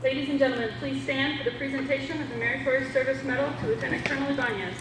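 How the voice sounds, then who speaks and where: A woman working as a military ceremony announcer, formally reading scripted citations and orders in a measured official manner. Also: sits high, steady tone. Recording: echoey hall, loud hum and noise.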